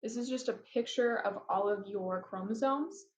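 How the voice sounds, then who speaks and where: A woman teacher talking casually through lecture slides, with chatty, apologetic asides and a somewhat flat, robotic-sounding delivery. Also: mid-range voice, normal speed. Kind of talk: recorded lecture over slides. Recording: roomy, dull lo-fi mic.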